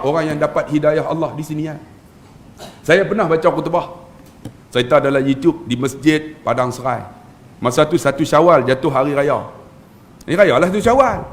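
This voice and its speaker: A middle-aged man with a northern Malaysian Malay accent, preaching in a humorous storytelling style with sudden high outbursts, often turning to address the crowd. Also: slight background noise. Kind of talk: humorous religious talk.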